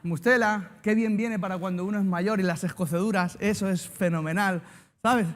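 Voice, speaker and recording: A man's voice: high-pitched, fairly even intonation, normal speed. A man from Spain with a Spanish accent, a pastor preaching a sermon and telling a personal story with jokes and banter aimed at the congregation.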